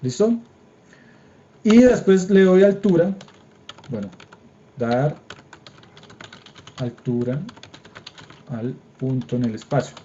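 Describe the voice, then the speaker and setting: A young Colombian man lecturing over a video call, his voice mellow and relaxed. He talks informally and keeps checking that everyone can follow along. The audio is a bit dull, with the faint clatter of typing behind him. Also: mid-range voice, takes it slowly, long pauses, slight background noise. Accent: Colombian Spanish. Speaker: engineering drawing lecturer. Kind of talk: online class lecture with screen demo. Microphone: computer mic on a video call.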